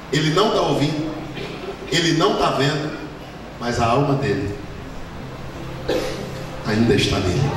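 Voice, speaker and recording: A Brazilian man preaching a sermon with fervor, swinging from low murmurs to shouted peaks. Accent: Brazilian Portuguese. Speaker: pastor. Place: large church hall. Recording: echoey hall, distant mic, background noise.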